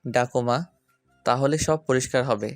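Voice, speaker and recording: Woman performer as insistent young son, very deep, close dry sound. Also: moderate pace, no room sound, faint music behind. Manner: insistent, pressing. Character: young adult son, stubborn and accusing.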